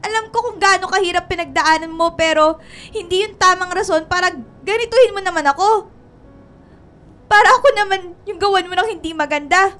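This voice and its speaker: A woman's voice: very high voice, brisk, bright, forceful tone. An actress playing a wronged, indignant young woman in a radio drama, tearful and accusatory, with a Filipino accent.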